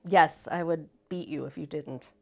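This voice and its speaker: A woman hosts a livestream in a raspy, hoarse voice. She talks in a folksy, animated way, as if chatting with friends, and leans on her words for emphasis. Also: deep voice, moderate pace. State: hoarse, recovering from laryngitis. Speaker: live stream host. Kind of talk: casual livestream chat.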